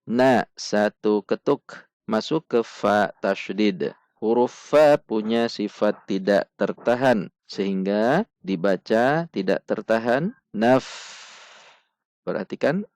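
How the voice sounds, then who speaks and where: A man's voice: fairly low pitch, expressive, darkish tone, no echo. A man teaching Quran recitation in a patient, step-by-step lesson, drilling syllables and counting beats aloud. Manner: chants verses in drawn-out melodic recitation. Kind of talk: slow step-by-step tajwid lesson.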